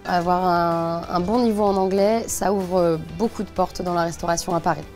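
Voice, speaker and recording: A woman's voice: fairly low pitch, steady tone, normal speed, a little mellow, faint music behind. Young woman apprentice, hesitant. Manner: hesitant, many fillers. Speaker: apprentice cook.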